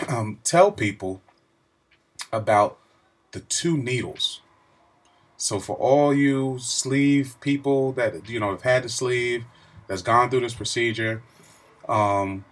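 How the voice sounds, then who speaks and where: A man's voice: mid-range voice, a bit bright. A middle-aged man chatting casually to his viewers in a video diary, with an informal, emphatic storytelling manner. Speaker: vlogger.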